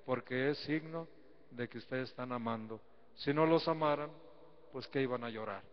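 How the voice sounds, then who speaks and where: A man's voice: medium pitch, normal speed. A priest giving a folksy sermon at Mass. He teases his listeners, asks rhetorical questions and calls on the congregation to answer, then leads a prayer. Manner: folksy, teasing preaching. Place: church sanctuary. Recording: dull lo-fi live stream with long church reverb.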